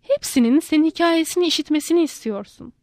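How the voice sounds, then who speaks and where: A woman's voice: fast, a little mellow, no room sound, clean studio sound. A woman voicing a fussy, talkative male monkey who keeps asking questions. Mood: curious. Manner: high, prodding questions.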